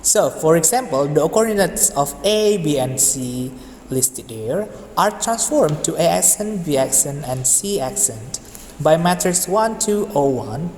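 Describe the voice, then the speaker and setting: A man's voice: on the high side, animated, a little slow, a little mellow, slight background noise. A man teaching a math lesson, methodically talking through each step of the working. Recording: roomy echo with long reverb.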